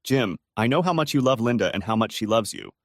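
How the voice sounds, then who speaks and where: A man doing a gentle, insistent woman friend, her voice raised in pitch and swinging up and down as she tries to calm someone. She sounds soft but firm, apologetic and pleading, and the recording is dry and close. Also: brisk, no echo. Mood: soothing.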